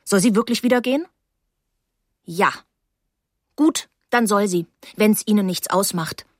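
A woman reads a sensible young man who talks firmly and reasonably, at an unhurried pace. The audiobook sound is dry and close. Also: medium pitch, a little mellow, dry recording, pitched above the performer's own voice, close to an everyday voice. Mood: practical.

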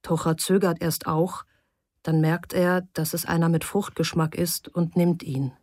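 Low-voiced woman reading an audiobook. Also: little pitch movement, measured pace, darkish tone, dry recording, studio quality. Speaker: audiobook narrator. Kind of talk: scripted narration.

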